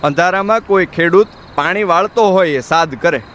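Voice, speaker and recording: A man narrating an audiobook in an expressive, dramatic storytelling manner. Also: sits high, moderate pace, a little hiss or hum.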